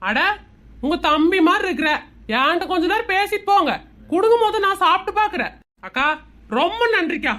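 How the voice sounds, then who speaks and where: A woman's voice: very high voice, animated, a little fast, fairly bright tone. A woman voicing a friendly, food-loving young man in a comic Tamil cartoon, talking in a wheedling, easygoing way.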